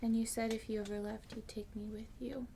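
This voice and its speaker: A woman's voice: on the high side, little pitch movement, brisk, noisy background, natural voice. A woman whispering in character as a frightened young woman hiding from danger. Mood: fearful. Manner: hushed whisper. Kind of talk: in-character roleplay.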